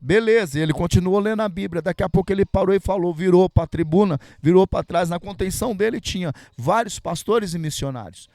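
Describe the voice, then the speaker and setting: A man's voice: sits high, a little fast, hardly any pauses, darkish tone, no echo. Slangy São man, dry close mic. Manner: slangy street talk. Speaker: podcast guest. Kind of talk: casual testimony.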